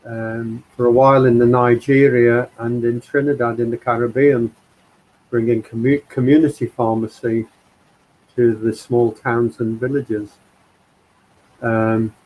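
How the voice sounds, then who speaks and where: Guest, male, from Liverpool, calm and unhurried storyteller, over a video call. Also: medium pitch, dull audio. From England, Liverpool. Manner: slow, thoughtful, many pauses and ums. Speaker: guest speaker. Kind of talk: personal life story.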